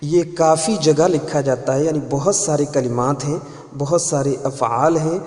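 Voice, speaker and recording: A man's voice: on the high side, a little mellow. A man giving a spoken grammar lesson as a teacher, patiently repeating key points for emphasis. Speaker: Arabic teacher. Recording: echoey room with long reverb.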